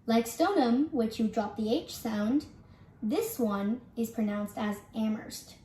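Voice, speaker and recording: A young woman presenting a scripted pronunciation lesson, speaking carefully and deliberately like a teacher. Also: fairly high pitch, animated, mellow, a little hiss or hum. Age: young adult. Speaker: student presenter. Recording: echoey room.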